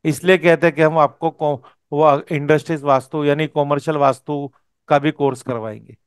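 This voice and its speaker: A man's voice: on the high side, fairly even intonation, moderate pace, clear, resonant tone, no room sound, studio quality. A man teaching a course, explaining step by step and often checking that his student follows. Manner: explanatory, checks understanding with "okay?". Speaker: vastu teacher.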